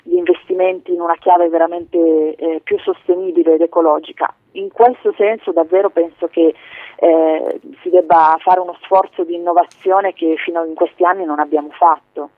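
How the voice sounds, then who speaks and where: A woman's voice: on the low side, steady tone, no echo. Woman speaking over a tinny phone line. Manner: measured, with frequent hesitations and filler phrases. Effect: heard over a phone line. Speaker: politician guest. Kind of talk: radio interview answers.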